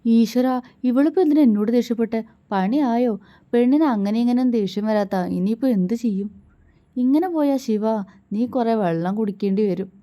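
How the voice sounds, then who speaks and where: Woman reading as a gruff teasing young husband. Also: fairly high pitch, a little fast, warm tone, voice pushed up, close to an everyday voice. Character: young adult man, a quick-tempered but loving husband.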